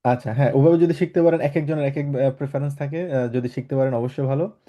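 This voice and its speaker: Dark-voiced patient male language teacher. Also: mid-range voice, steady tone, fast. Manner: patient, often checks in with "ঠিক আছে?"; mixes English words into his explanations. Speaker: German teacher. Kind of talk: online class lecture.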